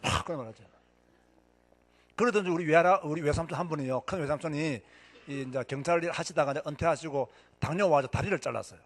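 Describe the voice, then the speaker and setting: A man's voice: on the high side, fast talker. A man preaching a fiery sermon to church officers as their pastor, talking emphatically, repeating lines for stress and putting questions to the audience. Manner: self-described hot-tempered and impatient.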